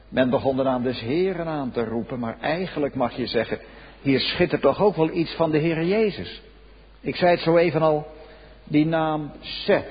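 A man preaching a solemn sermon, swinging between loud exclamations and hushed, low passages. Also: breathy edge. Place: church. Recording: dull lo-fi recording in a reverberant church.

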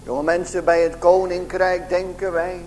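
A male pastor preaching a slow, solemn sermon to his congregation, pleading and building to fervent exhortation. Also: high voice, little pitch movement, darkish tone, soft background music, low-quality recording.

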